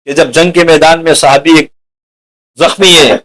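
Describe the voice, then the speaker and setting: High-voiced man preaching a sermon. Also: fairly even intonation, a bit bright, low-quality recording. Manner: rhetorical questions to the audience; addresses listeners as dear companions.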